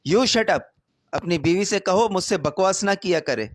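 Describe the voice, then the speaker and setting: A proud young wife fires back shouted, cutting retorts, as a male narrator plays her, pushing high and loud. The recording is dry and close. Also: animated, no room sound, lightly acted. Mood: furious. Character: young wife, proud and sharp-tongued when provoked.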